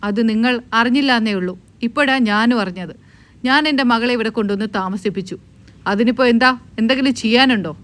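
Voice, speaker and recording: A woman's voice: a little high, quick pace, a bit bright, close to an everyday voice. A woman doing a blunt, defiant father. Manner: curt, defiant replies. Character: blunt middle-aged father, unapologetic.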